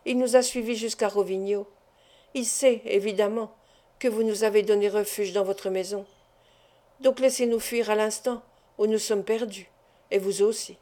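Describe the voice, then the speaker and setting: A woman's voice: steady tone, moderate pace, warm tone, lightly acted. A woman reading an urgent hunted nobleman. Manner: low, urgent warning. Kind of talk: audiobook character reading.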